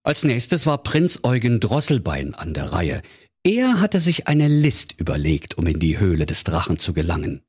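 A man's voice: low-pitched, wildly swooping pitch, moderate pace, slightly rough. A man narrating a humorous fairy tale for children in a playful, theatrical way. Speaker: storyteller.

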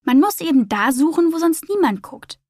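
A woman's voice: high-pitched, sing-song, moderate pace, a little mellow, no room sound, clean studio sound, voice pushed up. A woman voicing a small, hopeful, dreamy male penguin in a storybook reading, with an eager, pleading manner.

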